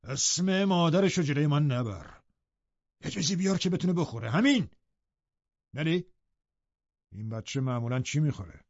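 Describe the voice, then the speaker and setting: A man voices a harsh middle-aged landowner who speaks of those around him with cold contempt and pride. The tone is dark and mellow, and the dry, dull lo-fi recording keeps everything close and muffled. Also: medium pitch, expressive, long pauses, no room sound, lightly acted. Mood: irritated. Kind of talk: audiobook character reading.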